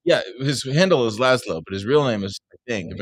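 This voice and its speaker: A man co-hosting a casual live panel, explaining things patiently with frequent pauses and fillers. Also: medium pitch, expressive, poor audio. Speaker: co-host explaining Bitcoin. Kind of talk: casual panel chat before a live audience. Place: event space with live audience.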